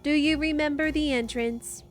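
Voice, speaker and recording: A woman's voice: high voice, steady tone, moderate pace, soft background music, pitched above the performer's own voice, natural voice. A woman voicing a clipped, emotionless female robot computer in a robot voice, reading game dialogue. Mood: flat. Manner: robot voice, terse machine-like statements.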